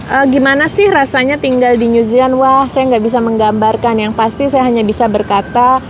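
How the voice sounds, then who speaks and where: On a noisy city street, an Indonesian woman in her forties vlogs through a clip-on lapel mic, casually answering viewer comments with frequent fillers. Her voice is a little high and steady, and she talks fairly quickly.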